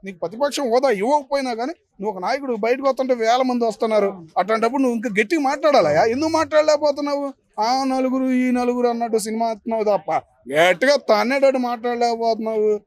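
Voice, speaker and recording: A man with an Andhra Pradesh Telugu accent speaks his mind in a public street interview. He talks quickly in a high voice. He presses his points with one rhetorical question after another. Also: dry recording. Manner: emphatic, fires rhetorical questions. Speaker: member of the public giving opinion.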